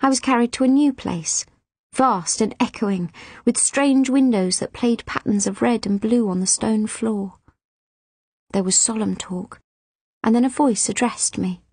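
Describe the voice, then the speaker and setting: Woman audiobook narrator, husky and gravelly, expressive first-person reading. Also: fairly high pitch, unhurried, no echo. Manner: expressive, emotive storytelling. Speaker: audiobook reader.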